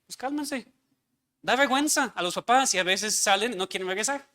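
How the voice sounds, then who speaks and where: A man's voice: sits high, quick pace, sharp tone. A man preaching a sermon as pastor, earnestly putting questions to his congregation.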